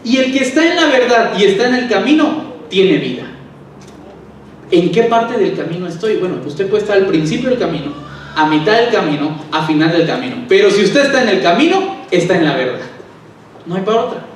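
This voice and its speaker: High-voiced pastor preaching in an echoey church. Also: male voice, expressive, fairly quick, slight background noise. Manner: explains scripture with rhetorical questions. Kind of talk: sermon. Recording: echoey church hall from far off.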